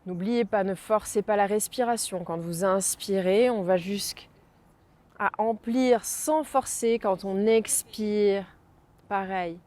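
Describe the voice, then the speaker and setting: Female breathing coach, mid-pitched, very unhurried, instructive delivery in short spaced phrases for a guided exercise. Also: mellow. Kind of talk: guided breathing lesson, spoken to the viewer.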